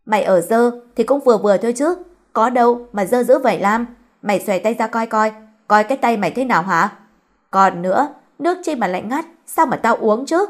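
Brief: woman doing a cranky old landlady type, shrill, quick-tempered scolding. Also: lightly acted. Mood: furious. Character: harsh old female mistress, scolding and bad-tempered.

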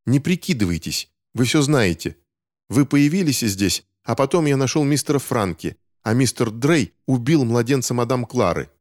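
A man's voice: mid-range voice, expressive, normal speed, dry recording, studio quality, pitched above the performer's own voice, lightly acted. A man reading an audiobook, voicing a young boy who is angry and distrustful of adults and speaks in a heated, accusing way. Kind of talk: audiobook character voice.

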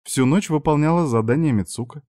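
A man's voice: a little high, a little fast, dark tone, dry recording, studio quality, voice pushed up, close to an everyday voice. A man voicing a diligent, shy young woman student in a read-aloud story, speaking in an apologetic, earnest way.

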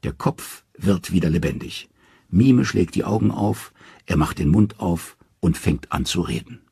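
A man narrating a myth for an audiobook in a dramatic, expressive way. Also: sits low, a little slow, creaky, husky, dry recording, studio quality. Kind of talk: scripted storybook narration.

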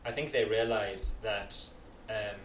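This interviewee, a campaigner with a South African accent, speaks slowly in a fairly low voice with a steady tone. His answers are earnest and emphatic, with frequent sentence restarts. The recording has echo and faint noise.

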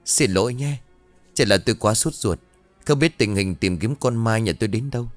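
A man's voice: on the low side, normal speed, no room sound, soft background music, lightly acted. A man voicing a worried middle-aged husband who speaks earnestly, soothing his wife and asking after his missing daughter. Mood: anxious.

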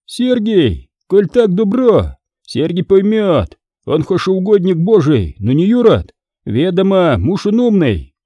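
A man voicing a brash, fearless young smith's helper who shouts and talks back. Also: sits high, huge pitch swings, a little slow, no echo, highs cut off, voice pushed up, full character voice.

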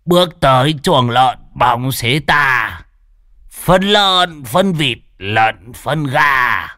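A man voicing a tipsy old ghost-hunting master who grumbles in a low, mumbling way. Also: expressive, very slow, pushed and bright, dry recording, studio quality, heavily acted. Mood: mock recital.

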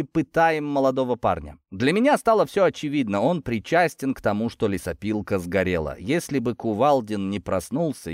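A man narrating a first-person audiobook in an expressive storytelling manner. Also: mid-range voice, no room sound, studio quality.

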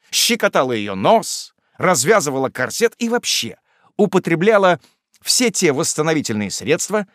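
A man narrating an audiobook in a measured, expressive storytelling manner. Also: a little high, no echo, clean studio sound. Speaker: audiobook reader.

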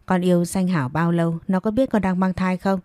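A woman's voice: on the low side, fairly even intonation, fairly quick, mellow, no room sound, studio quality, close to an everyday voice. A woman voicing a stern, anxious middle-aged mother who questions her daughter insistently.

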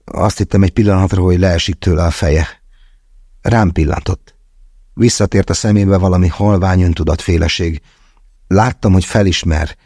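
Guy reading a creepy audiobook, super low voice, kinda husky, slow and tense. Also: a little mellow, dry recording, clean studio sound. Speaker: audiobook narrator. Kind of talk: first-person audiobook narration.

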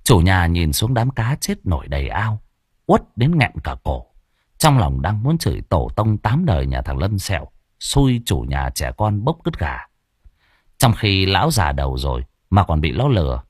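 Husky, animated male story narrator. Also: low voice, normal speed, no echo, clean studio sound. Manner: lively, dramatic storytelling. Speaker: audiobook narrator.

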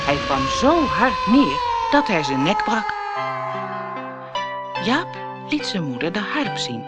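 A woman from the Netherlands narrates a fairy tale audiobook with dramatic expression. Her fairly low voice swoops widely at an unhurried pace, and background music plays throughout. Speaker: storyteller.

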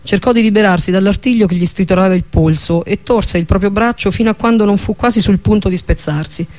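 Man narrating an audiobook, pretty high voice, steady even reading. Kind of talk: scripted narration of a fantasy novel.

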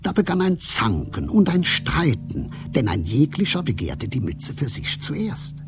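A man narrating a fairy tale in a radio drama, with expressive storytelling. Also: mid-range voice, unhurried, vocal fry, over music.

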